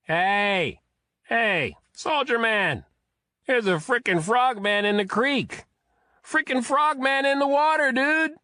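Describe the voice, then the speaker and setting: Audiobook bit part: rowdy drunk man under a bridge, hollering, pitched well up, put on by the male narrator. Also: very animated, very slow, pauses often, bright, forceful tone, dry recording, clean studio sound, full character voice. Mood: rowdy yelling.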